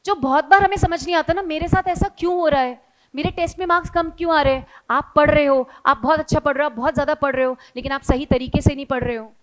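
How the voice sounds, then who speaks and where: A woman teacher with a bright, high voice talks earnestly to her students. She mixes English phrases into her advice and acts out their anxious thoughts with animated little voices. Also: quick pace. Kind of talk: motivational talk to students.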